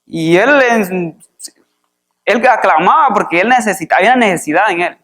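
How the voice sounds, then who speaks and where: A man preaching a sermon in a church, reading scripture aloud and explaining it in an easygoing way, often pausing on filler words. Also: sits high, lively intonation, fairly bright tone. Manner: conversational, fills pauses with "este" and repeats "dice" while reading.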